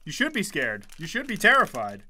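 A game streamer in his twenties chats casually on a livestream from a small, dim room, cracking jokes, swearing, and reading chat into a close desk microphone. His fairly high voice swoops wildly in pitch, brisk, bright, and forceful.

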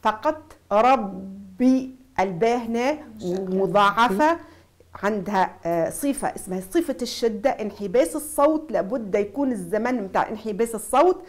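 A woman with a Tunisian accent teaching Quran recitation on TV. She explains the rules and then stretches each syllable slowly to demonstrate. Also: medium pitch, lively intonation. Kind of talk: TV recitation lesson.

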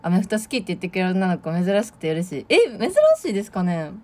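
A woman's voice: on the low side, expressive, quick pace. A young woman in her late teens from Tokushima with a Kansai accent and a touch of Awa dialect, chatting casually on a livestream and reading out viewer comments with a bubbly, laughing manner. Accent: Kansai Japanese with Awa dialect touches. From Tokushima, Japan. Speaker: idol audition livestreamer.

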